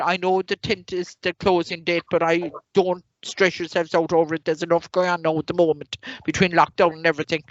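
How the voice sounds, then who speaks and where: A woman's voice: lowish voice, a bit bright. Woman tutor reading notes to her class, chatty asides, muffled lo-fi sound, no room echo. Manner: reads from notes, then adds loose asides with many fillers. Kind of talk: online lecture reading from notes. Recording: dull dry lo-fi recording.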